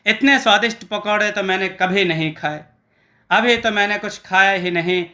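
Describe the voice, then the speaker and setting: A man voicing a greedy, fat male customer who loudly demands more food. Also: high-pitched, moderate pace.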